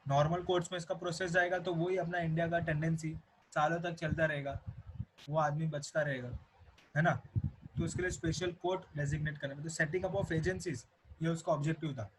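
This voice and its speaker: A man's voice: fairly high pitch, fairly even intonation, brisk, a little hiss or hum, low-quality recording. A young man with an Indian accent explains a law to students in a recorded lecture and repeats key points often. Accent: Indian English. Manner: explanatory, repeats key points, mixes English terms into Hindi. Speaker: teacher.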